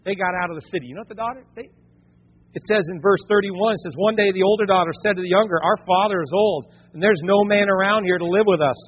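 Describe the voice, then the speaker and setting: Guy preaching in church, kinda husky, high voice, gets loud and animated, long echo off the hall. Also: quick pace. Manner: animated, rising to near shouts when emphatic. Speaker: pastor. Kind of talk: sermon. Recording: dull lo-fi sound with long hall reverb.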